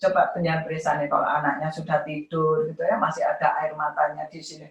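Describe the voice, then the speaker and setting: A middle-aged woman giving a lively parenting talk, acting out parents and children in high voices. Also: brisk, creaky, reverberant, distant mic, low-quality recording. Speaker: parenting seminar speaker.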